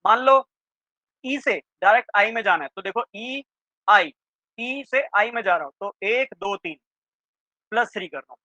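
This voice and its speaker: A man teaching a reasoning class for exam prep, quizzing students with quick questions and checking often that they follow. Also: high-pitched, expressive, bright, forceful tone, no room sound. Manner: keeps checking in with students, asking "clear?". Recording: dry, slightly dull lo-fi sound.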